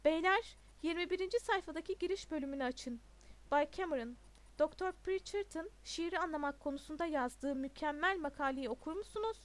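A woman's voice: sits high, fairly quick, close to an everyday voice. A woman voicing a stern, impatient male headmaster who gives commands in a raised voice.

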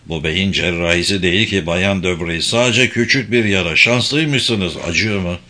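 A man playing a calm commando captain who gives curt, commanding orders. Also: low-pitched, moderate pace, voice pushed down. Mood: reassuring.

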